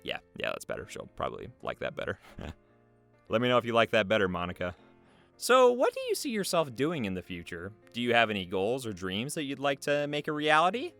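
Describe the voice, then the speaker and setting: With video game music behind him, a man reads interview questions and answers as casual scripted narration, joking and playful throughout. His mid-range voice swoops wildly in pitch, moves briskly, and is a bit bright with vocal fry.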